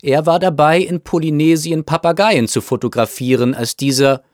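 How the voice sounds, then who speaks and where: A man's voice: on the high side, moderate pace, no echo, studio quality, pitched above the performer's own voice, natural voice. A man voicing a snobbish, self-absorbed upper-class mother who chatters in a gushing, fussy way. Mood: gossiping.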